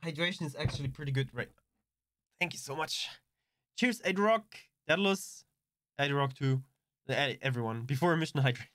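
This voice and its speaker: A man streaming a video game live, giving relaxed commentary with chuckling asides into a desk mic. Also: on the high side, normal speed, long pauses, dry recording.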